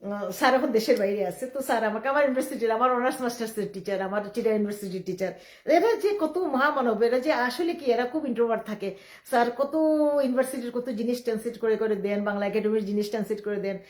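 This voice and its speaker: A middle-aged woman from Bangladesh, speaking in a rambling live-stream monologue. She talks quickly and emphatically, often defiant, with many restarts. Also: fairly high pitch, darkish tone. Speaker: livestreamer. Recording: echoey room.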